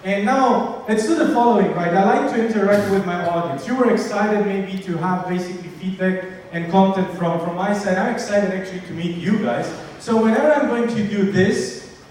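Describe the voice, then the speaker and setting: A man in his forties from Sicily with an Italian accent, giving a lively, interactive conference keynote and polling the audience. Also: high voice, moderate pace. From Sicily, Italy. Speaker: keynote speaker. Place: large hall with an audience. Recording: echoey hall, distant mic, faint noise.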